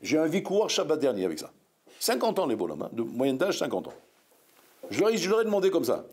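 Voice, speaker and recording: Husky rabbi preaching with animated pitch. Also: male voice, brisk. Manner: lively, scolding, full of rhetorical questions. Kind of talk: sermon.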